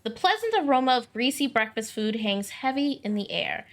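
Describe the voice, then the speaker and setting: A woman's voice: fairly high pitch, very animated, moderate pace. A woman hosting a let's play, reading a visual novel aloud with sassy, laughing asides.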